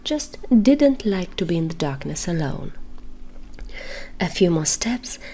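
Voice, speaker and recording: Slow whispering woman storyteller. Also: on the low side, sing-song, breathy edge. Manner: soft, unhurried whisper. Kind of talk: whispered bedtime story narration.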